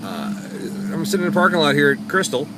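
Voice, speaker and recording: A man's voice: fairly high pitch, sing-song, quick pace, noisy background. A man, a taxi driver, telling stories in a chatty, jokey, rambling way from his parked cab. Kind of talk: casual storytelling vlog. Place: parked taxi in a parking lot.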